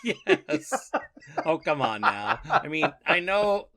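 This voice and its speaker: A man's voice: a little high, big pitch swings, slow, sharp tone. A man co-hosting a casual podcast, agreeing readily and laughing easily as he chats about a radio series. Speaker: podcast co-host.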